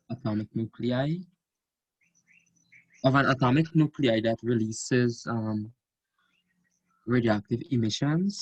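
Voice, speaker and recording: A man's voice: medium pitch, darkish tone, no room sound, dull audio. Hesitant male student answering. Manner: tentative, hedging. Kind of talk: answering in an online class.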